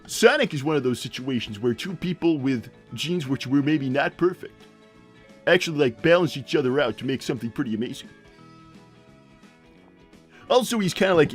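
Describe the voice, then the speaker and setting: During improvised banter on a livestream, a man plays a short, crude hedgehog dad from a cartoon. His voice is slightly high and very animated in pitch, and he overshares in a halting, repetitive, matter-of-fact way while faint music plays.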